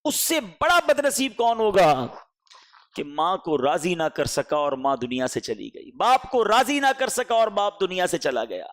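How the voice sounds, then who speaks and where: A man's voice: high voice, very animated, a bit bright. A man preaching a sermon, impassioned, rising and falling emphatically as he pleads with his listeners.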